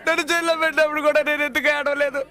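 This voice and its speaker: A man's voice: very high voice, level tone, racing, pushed and bright, full character voice. A man playing a tearful young man with a whining, self-pitying manner, in dubbed film dialogue.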